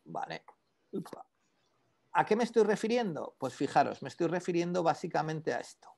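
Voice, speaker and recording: A man teaching an online class on e-commerce, conversational and animated, constantly checking in with his students. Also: on the high side, normal speed, gravelly. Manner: conversational, peppers speech with "¿vale?"; animated, lively explanations with asides to students. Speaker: e-commerce instructor.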